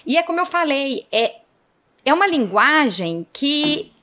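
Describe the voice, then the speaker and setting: A woman's voice: high-pitched, big pitch swings, measured pace, bright, forceful tone. A woman, a police chief being interviewed, telling her story vividly and often speaking to the audience. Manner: vivid, dramatic retelling, often addresses the audience.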